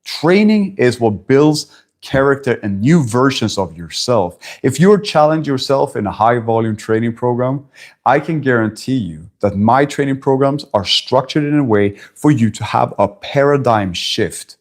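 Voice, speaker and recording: A man's voice: mid-range voice, lively intonation, moderate pace. A man in his forties from Sweden, a personal trainer talking bluntly and emphatically to camera at a friend's house, swearing now and then. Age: 40s. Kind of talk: talking-head fitness vlog.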